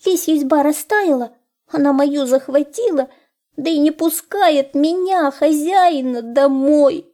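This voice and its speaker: A woman's voice: measured pace, dark tone. A woman doing a tearful little hare. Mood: lamenting. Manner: high, plaintive and whining. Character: timid little male hare, tearful and pleading.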